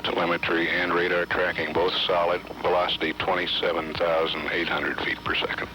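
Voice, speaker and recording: A man giving measured, matter-of-fact technical commentary as a mission control announcer. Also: low-pitched, little pitch movement, background noise. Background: music.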